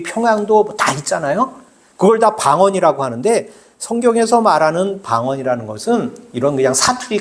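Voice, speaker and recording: Male pastor, middle-aged, sermon, high voice, animated pitch, chatty explaining. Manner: conversational, explaining with everyday examples.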